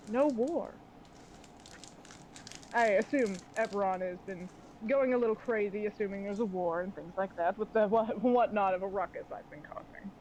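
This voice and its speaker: A woman's voice: medium pitch, a little mellow, natural voice. A woman voicing a suave, scheming man who bargains with mock politeness in a tabletop game, on a slightly dull recording with faint noise. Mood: amused. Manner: smooth, theatrical, mock-polite. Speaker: game master.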